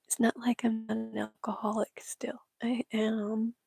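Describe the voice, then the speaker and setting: Woman whispering q&a chat, breathy and kinda high, dry close sound, giggly and rambly. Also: completely flat delivery, a little slow, dark tone, no room sound. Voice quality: whispering throughout. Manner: rambling, giggly, self-mocking. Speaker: channel host answering viewer questions.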